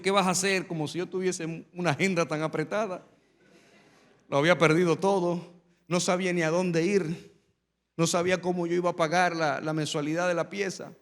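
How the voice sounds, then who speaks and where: A man preaching a sermon as pastor, telling his own testimony and building to loud, emphatic preaching. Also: sits high, big-room sound.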